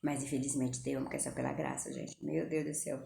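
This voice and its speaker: A woman's voice: very deep voice, little pitch movement, fast talker, vocal fry, dark tone, slight background noise. A middle-aged Brazilian woman chatting casually to her viewers at home, talking straight to them and often dropping religious phrases. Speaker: vlogger. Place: home kitchen. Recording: echoey room with faint ambience.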